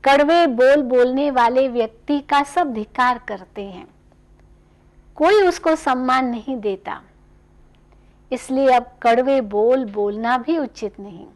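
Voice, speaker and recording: A woman reading a wise old sage who gives counsel in a slow, calm, high voice. He instructs gently and plainly. It is a light storybook voicing, close to her own. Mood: advising.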